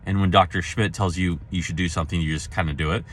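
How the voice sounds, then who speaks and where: A middle-aged man speaking as a career trainer, telling a personal story casually and acting out the dialogue in it. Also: fast. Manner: animated storyteller, acts out quoted dialogue with pitch jumps.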